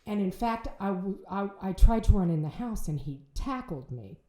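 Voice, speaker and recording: Middle-aged woman, dark roomy voice. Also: medium pitch, lively intonation. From Ohio, United States. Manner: halting, with restarts and repeated words. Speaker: bereaved mother, podcast guest. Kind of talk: emotional personal storytelling. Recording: roomy echo.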